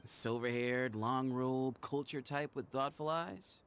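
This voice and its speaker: A man's voice: medium pitch, slow pace, a bit bright, a little hiss or hum. An actor playing a sly, cocky, knowing man of the desert in a video game, with a teasing, smug manner. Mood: knowing, amused.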